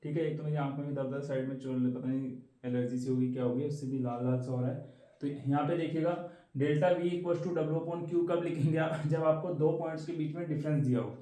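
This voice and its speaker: A man's voice: on the high side, fairly even intonation, a little fast, warm tone. Chatty male teacher in an echoey room. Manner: chatty, repeats questions back to students. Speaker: science teacher. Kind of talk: casual exam-prep lesson. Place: room, standing at a board.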